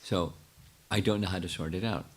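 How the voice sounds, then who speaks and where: An older man with a low voice answers questions from his audience in a lecture. He speaks haltingly, stops often and restarts his sentences while he thinks aloud. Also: steady tone, breathy edge. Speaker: spiritual teacher answering questions.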